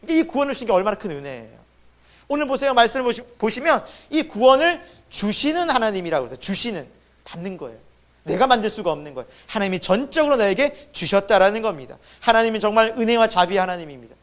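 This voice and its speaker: A man preaching a sermon as pastor. He asks the congregation questions and answers them himself, and his voice swings between loud emphasis and sudden hushed drops. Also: sits high, sing-song, fast talker. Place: church sanctuary.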